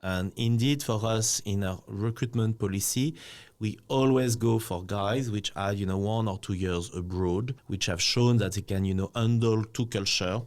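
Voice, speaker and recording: Guest, male, low-pitched, lively and conversational. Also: normal speed. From France. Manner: animated, slightly non-native phrasing, frequent "you know". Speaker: guest, bank executive. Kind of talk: casual interview talk.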